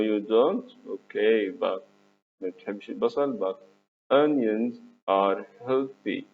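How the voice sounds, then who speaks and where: An Egyptian man teaches children new English words, saying each one for them to repeat and praising them as he goes. He talks slowly in a lowish voice. The sound is tinny and phone-like, with a faint hum underneath. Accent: Egyptian Arabic.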